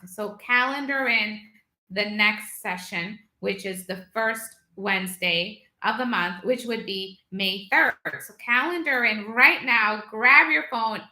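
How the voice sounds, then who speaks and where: A woman from Guyana, a lawyer hosting a live video question session from her office, answering viewers briskly and reading out phone numbers slowly. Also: on the high side, sharp tone, reverberant, poor audio. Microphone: video call setup.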